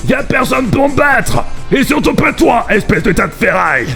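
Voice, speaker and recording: A man voicing a big, brash, dim-witted albatross henchman in an amateur cartoon fandub, blustering and easily confused, with a gravelly voice. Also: very high voice, sing-song, moderate pace, bright, forceful tone, soft background music, full character voice. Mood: boastful, aggressive.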